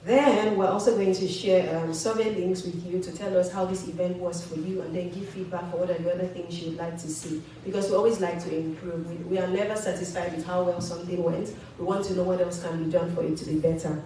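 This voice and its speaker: A woman's voice: fairly low pitch, fairly even intonation, brisk, few pauses, warm tone. A woman giving upbeat closing announcements at a student conference, coaxing the audience to take part. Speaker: student association leader giving closing remarks. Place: large echoey event hall. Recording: echoey hall from far off with faint noise.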